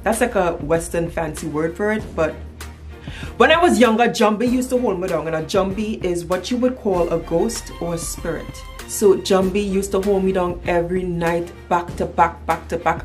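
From a small, furnished room indoors at home, this vlogger from Trinidad and Tobago, in her thirties, tells stories to camera with playful emphasis in a relaxed chat. She speaks with a Trinidadian accent in a fairly low, somewhat mellow voice.

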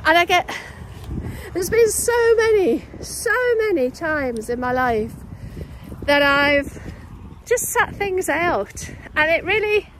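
Filming a personal, reflective vlog on a countryside walk, this woman in her late fifties holds her phone at arm's length. Her extremely high voice is a bit bright, slow, and swings widely in pitch, and the low-quality recording picks up clear outdoor background noise.

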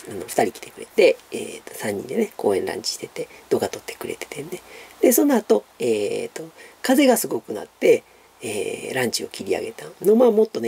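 A man with a Kansai accent rambles through viewer questions in a loose, chatty monologue. His voice is dark and gravelly with a raspy edge, and his pitch swings widely as he talks. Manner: chatty, rambling, many fillers, calls himself by nickname. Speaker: YouTuber answering viewer questions. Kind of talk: casual Q&A monologue.

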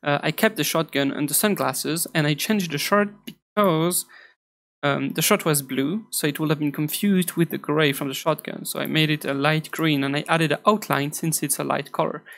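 Hoarse, gravelly man explaining casually. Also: on the high side, moderate pace. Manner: relaxed, chatty explaining with loose restarts. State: hoarse from a long recording session. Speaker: pixel art tutorial creator. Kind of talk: casual screen-recorded tutorial narration.

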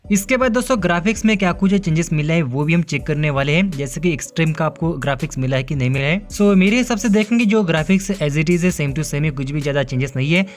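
A tech reviewer with a fairly high, expressive voice narrates an off-camera voice-over for hands-on phone footage, walking through features quickly with few pauses. He's upbeat, repeats filler phrases, and mixes English words into his Hindi.

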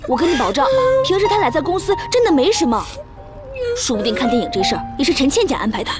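A woman's voice: high-pitched, big pitch swings, loud music behind the voice. An actress in a TV drama playing a young woman soothing and coaxing her crying friend. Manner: coaxing, soothing, quick and earnest. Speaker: comforting friend and colleague. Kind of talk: TV drama acting.

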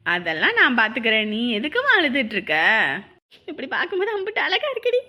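A woman playing a devoted middle-aged village mother in a family drama, speaking softly. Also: high-pitched, huge pitch swings, quick pace, exaggerated voice. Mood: tender.

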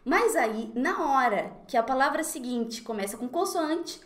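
A Brazilian woman from Recife teaching French in a lively, chatty live lesson, laughing often and slowing down to pronounce French words carefully. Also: high-pitched, reverberant. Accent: Brazilian Portuguese.

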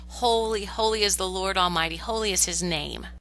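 Bright-voiced woman teaching Bible study. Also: medium pitch, normal speed, low-quality recording. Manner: earnest teaching with frequent "uh" and restarts.

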